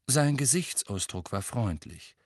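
A man narrating an audiobook with an expressive, lively reading. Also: medium pitch, unhurried, dry recording, clean studio sound.

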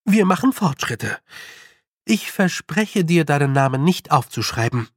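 A man's voice: fairly high pitch, sing-song, unhurried, dry recording, studio quality. A man voicing an earnest, stubborn young girl learning witchcraft, who asks firm, direct questions. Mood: determined.

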